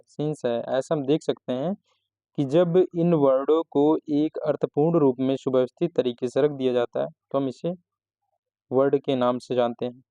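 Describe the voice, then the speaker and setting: A man teaching a grammar lesson in a slow, methodical way, restarting his phrases as he explains. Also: mid-range voice, warm tone, no echo. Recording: slightly dull, lo-fi recording.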